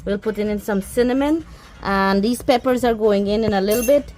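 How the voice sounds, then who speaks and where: This cooking vlogger, a woman from Guyana, speaks with a Guyanese accent as she walks viewers through a recipe in her backyard. Her mid-range voice is a little mellow and comes at an ordinary speed. Chatty and relaxed, she talks both to her audience and to her pets outdoors.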